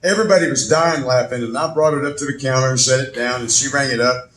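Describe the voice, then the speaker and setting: A man's voice: mid-range voice, fast, fairly bright tone, echoey room. A man, a singer-songwriter, telling folksy family stories and laughing often. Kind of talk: storytelling with a song.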